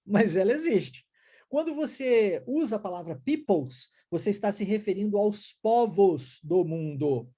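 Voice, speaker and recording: A woman's voice: mid-range voice, dark tone, slightly rough. A woman with a Brazilian Portuguese accent teaching an English lesson, explaining step by step and often checking in with the learner. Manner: explanatory, repeats example words, frequent "né?" and "tá?" checks. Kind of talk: recorded language lesson.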